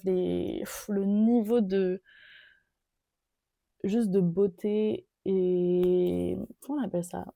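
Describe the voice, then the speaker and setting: A woman's voice: fairly low pitch, vocal fry, warm tone, dry recording, studio quality. A young woman from Paris hosting a casual solo podcast, rambling and hesitant with many fillers and restarts. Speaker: podcast host.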